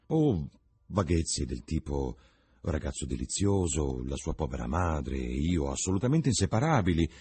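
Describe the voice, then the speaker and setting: Man voicing a serious young painter, soft, kinda reproachful, really deep voice. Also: very animated, moderate pace, husky, heavily acted.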